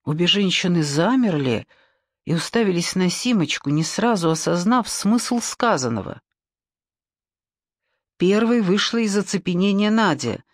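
A woman's voice: lowish voice, expressive, unhurried, dry recording. Woman narrating a novel, dry close voice. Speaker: audiobook narrator. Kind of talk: scripted narration.

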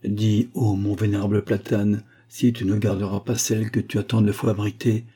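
A man's voice: on the low side, flat delivery, moderate pace, dark tone, slightly rough. A man voicing an impulsive young Venetian captain in an audiobook reading, with a fervent, emotional delivery. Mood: ardent.

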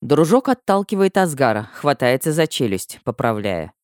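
A woman reading a first-person audiobook with emotional delivery and sudden high cries. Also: very animated, normal speed, a little mellow, dry recording, clean studio sound. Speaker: audiobook narrator.

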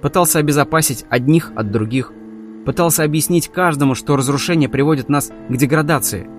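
A man's voice: fairly high pitch, brisk, faint music behind, close to an everyday voice. A man reading the part of a weary, disillusioned would-be savior in an audiobook, brooding and self-pitying.

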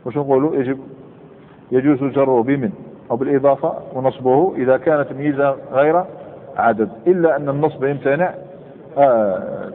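A man teaching grammar to a class. He reads examples slowly and quizzes his students as he goes. The recording is narrow and phone-like, with long reverb from a hall. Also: mid-range voice.

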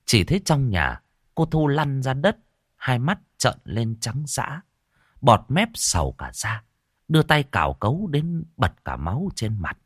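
A man narrating a spooky audio story in an expressive way, swinging between hushed and raised tones. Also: mid-range voice, a little slow, husky, dry recording, clean studio sound.

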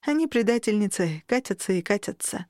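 Young woman reader, first-person novel narration, emotional, voice climbs under stress, mid pitch, dry close sound. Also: animated, brisk, darkish tone, dry recording. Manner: emotional, rising sharply in distress. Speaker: audiobook narrator.

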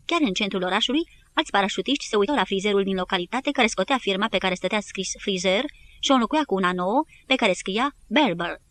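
A woman's voice: medium pitch, expressive, a bit bright. Woman narrating an audiobook. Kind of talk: scripted narration.

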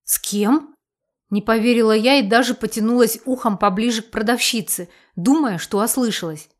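Woman narrating a story, fairly high voice. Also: fairly quick. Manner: lively storytelling. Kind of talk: first-person audiobook narration.

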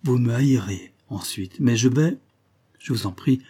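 A man's voice: mid-range voice, animated, measured pace, dark tone, slightly rough. A man voicing a phlegmatic Englishman, blunt and ill at ease, stammering at times in a storybook reading.

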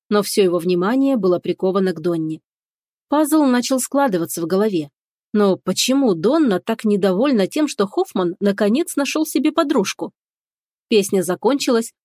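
High-voiced woman reading a story. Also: darkish tone, no room sound, studio quality. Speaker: audiobook narrator. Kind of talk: scripted fantasy narration.

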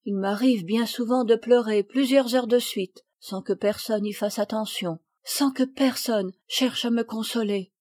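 A woman's voice: fairly high pitch, fairly even intonation, a little slow, hardly any pauses, darkish tone, dry recording, studio quality. A woman voicing a lonely, mistreated little girl who speaks with sighs in a storybook reading. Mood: sorrowful. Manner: sighing, plaintive.

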